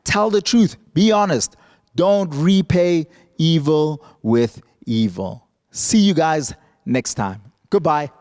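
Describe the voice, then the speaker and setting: Slow, animated man teaching children, reverberant. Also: fairly high pitch. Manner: simple, emphatic, repeating key phrases. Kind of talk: storytelling lesson for children.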